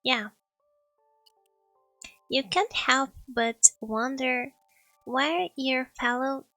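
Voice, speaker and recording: A woman's voice: on the high side, sharp tone, no echo, poor audio. A woman streaming a story game, chatting casually and reading its text aloud, giggling and tripping over words. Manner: giggly, trips over words and laughs at herself.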